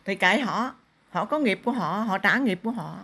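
Firm, husky middle-aged woman medium. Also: mid-range voice, expressive, normal speed, bright, forceful tone. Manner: firm, lecturing. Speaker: spirit medium. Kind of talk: counselling a client in a spirit ritual.

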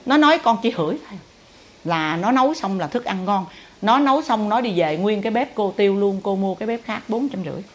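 A woman's voice: mid-range voice, animated, a little fast. A woman with a Southern Vietnamese accent, a spiritual teacher telling her followers a dramatic story with emphatic delivery. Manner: emphatic, dramatic retelling with acted-out quotes.

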